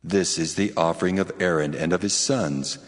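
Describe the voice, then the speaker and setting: A man's voice: deep voice, normal speed, natural voice. A man playing the Lord God, giving solemn commands in a dramatized scripture reading with archaic diction. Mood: solemn, commanding. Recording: long cathedral-like reverb, faint music behind.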